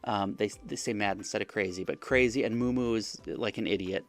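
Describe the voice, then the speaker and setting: A man's voice: fairly low pitch, fairly quick. Wry man recapping a scam chat. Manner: wry, mocking, acts out chat messages in other voices. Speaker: scam-baiting content creator. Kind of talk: casual storytelling recap.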